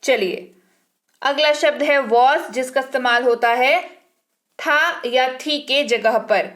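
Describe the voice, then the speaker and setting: This is a woman leading a vocabulary lesson. Her voice sits slightly high and she speaks very slowly. She pronounces each English example with careful, drawn-out clarity, as if giving dictation. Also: fairly bright tone. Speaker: English teacher.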